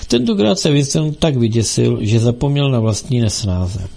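A man narrating an audiobook in a steady, measured reading style. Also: mid-range voice, vocal fry.

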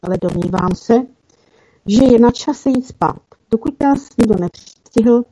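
A woman's voice: on the high side, mellow, lightly acted. A woman voicing a caring, sensible young girl who speaks earnestly, read in a storybook. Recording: dull lo-fi recording.

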